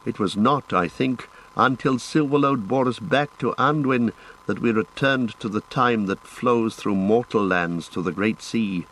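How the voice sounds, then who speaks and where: Frodo, a man doing a quiet hobbit. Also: mid-range voice, unhurried, poor audio. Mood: thoughtful.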